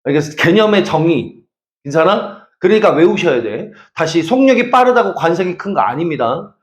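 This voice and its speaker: Brief: middle-aged male academy teacher, high voice, playful teasing lecture, roomy classroom. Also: very animated, normal speed. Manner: teasing, checks for understanding constantly. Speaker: math and science academy teacher.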